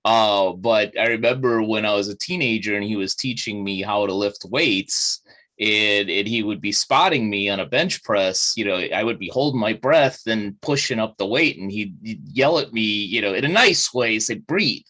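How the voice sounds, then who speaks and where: Low, bright-toned male show host. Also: normal speed. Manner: friendly, conversational, a few fillers. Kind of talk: hosting a Q&A show.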